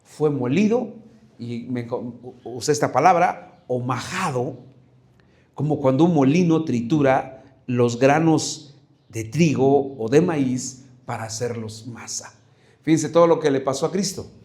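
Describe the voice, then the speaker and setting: A man's voice: medium pitch, measured pace, darkish tone. A man, preaching a sermon as pastor, earnest and searching, often restarting and asking rhetorical questions.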